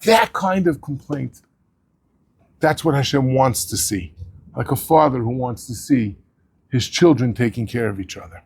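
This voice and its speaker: A man's voice: medium pitch, normal speed, gravelly, darkish tone, slightly rough. A man who heads a yeshiva giving a weekly Torah talk to his students, sprinkling in Hebrew and Yiddish terms, and his voice climbs sharply when he stresses a point.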